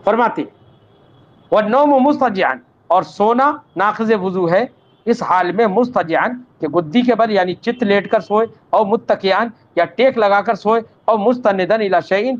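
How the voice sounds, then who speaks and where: A man teaching an Islamic law lesson. He recites Arabic text, then explains it patiently, calls the students "child" and checks that they understood. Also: high voice. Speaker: religious teacher. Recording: dull lo-fi recording.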